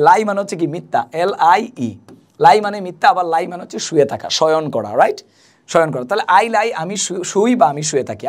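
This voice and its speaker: A young woman gives a spoken English lesson. Her voice sits slightly low and moves up and down a lot, and she patiently repeats each phrase and spells words letter by letter. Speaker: English teacher.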